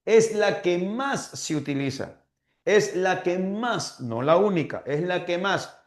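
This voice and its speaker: Slow-talking teacher in an echoey room. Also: male voice, high-pitched, expressive. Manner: slow, stretched-out dictation of verses, mimics confused students. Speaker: literature teacher. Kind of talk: online class lecture.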